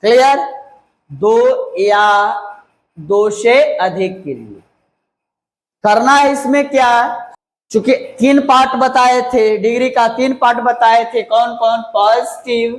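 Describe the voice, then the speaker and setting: A man with an extremely high-pitched voice teaches a class a grammar lesson in an echoey room. He speaks slowly, repeats key words and spells them out letter by letter, and keeps asking "clear?" to check the class is following.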